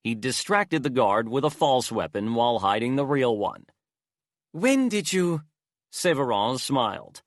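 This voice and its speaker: A man reading an audiobook in a measured, even storytelling voice. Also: mid-range voice, dry recording, studio quality. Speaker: audiobook narrator. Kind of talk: scripted narration.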